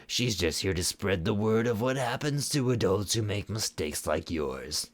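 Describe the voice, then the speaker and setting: A man's voice: lowish voice, lively intonation, moderate pace, close to an everyday voice. A man reading fan fiction aloud, voicing a cold, scheming female sorceress commander who talks in a sickly sweet, menacing way.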